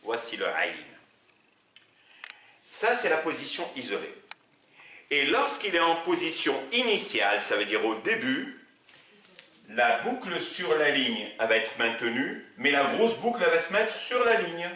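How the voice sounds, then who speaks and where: A man teaching an Arabic lesson, explaining slowly and patiently. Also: echoey room. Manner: slow, patient explaining with lively pitch. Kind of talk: video lesson.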